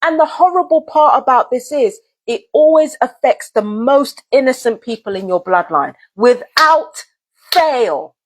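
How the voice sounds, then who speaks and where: Husky high-voiced woman ranting angrily. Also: lively intonation, measured pace. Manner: angry, profane, repetitive. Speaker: vlogger. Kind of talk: heated direct-to-camera rant.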